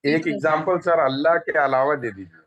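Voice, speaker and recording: A man's voice: fairly high pitch, normal speed, a bit bright. A male student politely asking his teacher for another example during an online class. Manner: short answers, polite. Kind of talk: answering in class. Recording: dull lo-fi audio.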